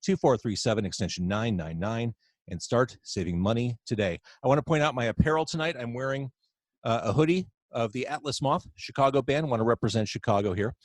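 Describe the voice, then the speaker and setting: Speaking briskly at medium pitch on a dry recording, this man hosts a casual podcast over video call. Stuck at home in quarantine, he keeps things lively, playful and full of jokes.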